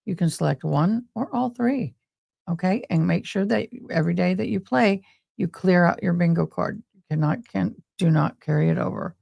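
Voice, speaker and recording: Gravelly, close-miked woman livestream host. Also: fairly low pitch, moderate pace, no echo, highs cut off. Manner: folksy, talks directly to viewers with y'all. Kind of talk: casual livestream chat and commentary.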